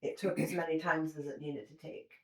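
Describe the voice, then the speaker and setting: A woman speaking as a recovery coach in a podcast interview, calm and unbothered. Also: sits low, fairly quick. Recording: echoey room.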